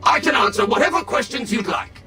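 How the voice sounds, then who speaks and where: Too-smooth android servant. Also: male voice, very high-pitched, animated, a little fast, pushed and bright, faint music behind, exaggerated voice. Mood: courteous. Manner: courteous, formal, scripted customer-service delivery. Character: overly smooth polite male android servant.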